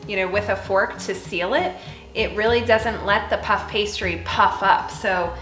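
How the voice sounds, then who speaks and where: A woman's voice: mid-range voice, measured pace. Bubbly chatty woman hosting a cooking show. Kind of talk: cooking demonstration. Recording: echoey room with loud music.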